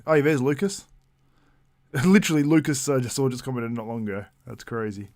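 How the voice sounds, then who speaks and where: A man's voice: mid-range voice, brisk, darkish tone, no room sound, studio quality. A man hosting a casual live-stream, chatting loosely and reading out viewer comments between laughs. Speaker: livestream host.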